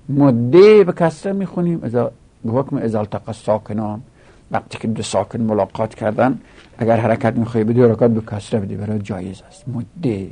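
A man's voice: medium pitch, darkish tone, husky. A man teaching an Arabic grammar lesson, explaining step by step and repeating each rule.

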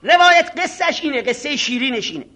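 An animated, high-voiced male cleric gives a moral sermon on ethics to seminary students. He acts out arrogant voices, mocks himself, and chants Arabic scripture slowly.

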